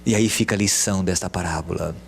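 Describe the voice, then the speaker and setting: A male pastor preaching a sermon, swinging from hushed, whispered lines to loud calls. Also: low voice, fast, creaky, husky. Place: church.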